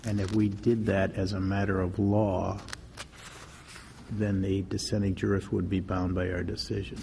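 A man speaking as a judge, questioning a lawyer from the bench in a deliberate, probing manner. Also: low-pitched, little pitch movement, creaky, dark tone. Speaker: supreme court justice. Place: large courtroom. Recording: reverberant courtroom, faint noise.

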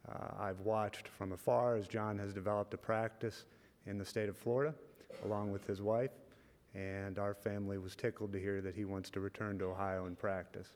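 A man giving a formal recommendation speech with measured, deliberate phrasing. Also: lowish voice, level tone, darkish tone. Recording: echoey hall.

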